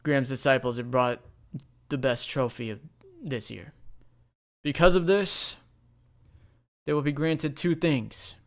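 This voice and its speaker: A man's voice: medium pitch, unhurried, pauses often, close to an everyday voice. Man voicing a formal league commissioner. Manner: formal, proclaiming.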